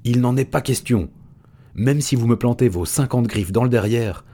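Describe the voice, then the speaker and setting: A spiteful storybook chimpanzee shrieks in a high, strained voice, put on by a man reading aloud. He is petty and rule-bound, and he yelps every line loudly. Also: moderate pace, natural voice. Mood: snippy. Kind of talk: audiobook reading.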